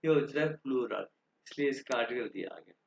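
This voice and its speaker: A man's voice: medium pitch, fairly quick, vocal fry, a little hiss or hum. A man teaching German grammar to a class, patient and repetitive, often checking that students understood. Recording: dull, roomy classroom recording.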